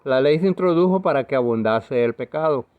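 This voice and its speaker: A man's voice: medium pitch, animated, a little fast, clear, resonant tone, phone-quality sound. A man preaching a video sermon in an earnest, emphatic way, now and then correcting himself.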